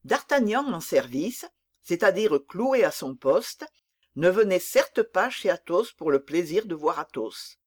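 An expressive narrator reads a classic novel aloud in a steady literary delivery. The pitch rises and falls with lively movement. Each long sentence is shaped with care. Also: measured pace.

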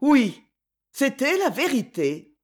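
A woman's voice: high voice, sing-song, slow, pitched above the performer's own voice, full character voice. A woman reading aloud and voicing a tender, emotional young woman in love, in a raised, pleading voice.

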